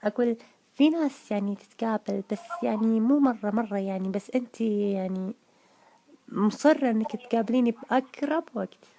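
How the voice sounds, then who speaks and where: Coy young Saudi woman, voiced by a man doing a woman's voice, Gulf accent, mellow tone, evasive and halting, telephone audio. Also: high voice. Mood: explaining, defensive. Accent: Gulf Saudi Arabic. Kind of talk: prank phone chat.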